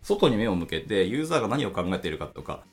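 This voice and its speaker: Male solo podcast host, 30s, rapid, animated delivery full of fillers; faint music bed. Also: lowish voice, breathy edge. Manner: rambling, thinking aloud with many fillers. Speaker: podcast host, programming instructor. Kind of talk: casual solo podcast talk.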